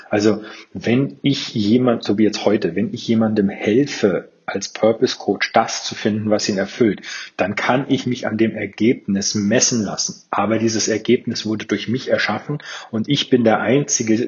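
A man with a fairly low voice talks to his listener like a coach, in a personal, reflective way, and often restarts his sentences. The recording is dull and muffled. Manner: personal, addresses the listener directly, restarts and repeats words. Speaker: purpose coach and podcast host. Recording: dull lo-fi sound.

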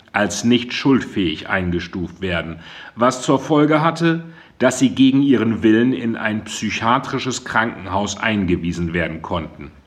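A man narrating a crime novel in a measured, dramatic way. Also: lowish voice, fairly bright tone. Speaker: audiobook narrator. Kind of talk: scripted narration.

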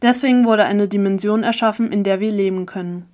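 Woman reading calm young guy explaining stuff, matter-of-fact, audiobook. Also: medium pitch, brisk, close to an everyday voice.

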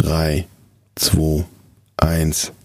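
A man narrating a scripted guided relaxation exercise in a soft, calm, soothing voice with measured, drawn-out instructions. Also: extremely low pitch, no echo, clean studio sound.

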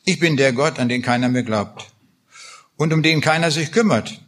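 A man's voice: medium pitch, normal speed, fairly bright tone, slight background noise, natural voice. A man reading aloud the part of a weary old God who laments that no one believes in him. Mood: resigned. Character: weary, forsaken old God, an elderly male deity.

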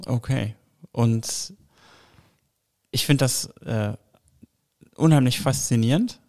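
Man, interviewer, gravelly, hesitant, casual. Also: mid-range voice, warm tone. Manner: hesitant, halting questions.

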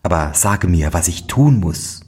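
Guy reading as a brave young fairy-tale hero, kinda husky, voice swings up high. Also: animated, unhurried, darkish tone, full character voice. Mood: eager. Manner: earnest, brave. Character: young male wanderer, bold and eager.

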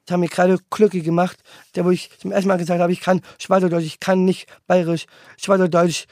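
A young adult man, an aspiring actor, talking earnestly in a casual monologue, halting with many restarts. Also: high-pitched, flat delivery, darkish tone.

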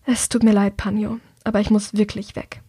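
A woman's voice: mid-range voice, level tone, brisk, mellow, slightly rough, no room sound. Woman reading withdrawn young man, tense, subdued, dry studio sound. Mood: strained.

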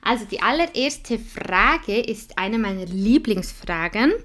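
Animated yet unhurried, the young Swiss host talks in a mid-range, slightly bright voice, with a little hiss or hum in the recording. Her first language is Swiss German, and her casual podcast chat is full of laughter and fillers.

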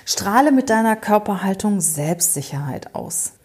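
A woman's voice: medium pitch, lively intonation, measured pace, darkish tone. A middle-aged woman giving direct, practical advice on first impressions, speaking informally to the viewer with occasional fillers. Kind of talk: advice talk addressed to viewer.

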